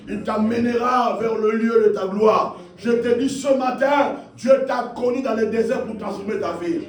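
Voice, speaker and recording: A male pastor preaching a fervent, repetitive sermon that rises into shouts. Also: very high voice. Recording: echoey hall, distant mic.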